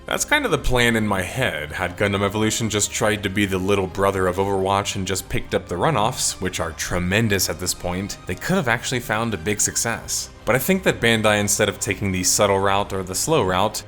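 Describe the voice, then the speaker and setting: A man's voice: lowish voice, brisk, few pauses, a bit bright, soft background music. A man hosting a video essay, narrating scripted, opinionated commentary in a wry tone, his voice sounding strained and tired. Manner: opinionated, wry, detective-themed wrap-up.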